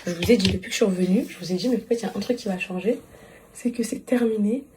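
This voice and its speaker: A woman's voice: mid-range voice, racing, very noisy. A tired young woman chatting casually to her phone camera at home, talking fondly to her viewers with lots of fillers. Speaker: vlogger.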